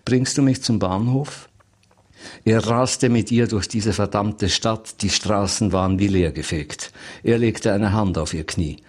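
A man reading literary fiction aloud as narrator, with measured, deliberate phrasing. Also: on the low side.

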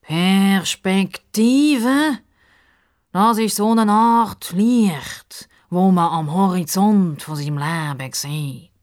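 A woman voicing a pompous, self-important male crocodile who talks slowly and condescendingly. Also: lowish voice, a little mellow. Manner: slow, drawn-out, condescending.

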